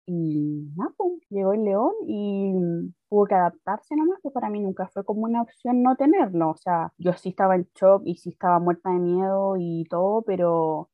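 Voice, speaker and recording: A woman's voice: medium pitch, lively intonation, moderate pace, dry recording, narrow, tinny audio. A young woman in her twenties with a Chilean accent, telling her story in casual chat and laughing often. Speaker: guest.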